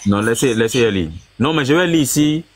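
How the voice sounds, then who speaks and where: A man in a live online debate reading scripture aloud over his phone in a steady, measured way, then explaining it. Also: mid-range voice. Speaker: debate participant.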